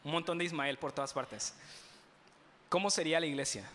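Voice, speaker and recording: A man's voice: a little high, a little fast, slight background noise. A man with a Mexican Spanish accent preaching a sermon in a church, asking the congregation rhetorical questions with playful humor. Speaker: pastor. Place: church sanctuary. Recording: bright voice with long hall reverb.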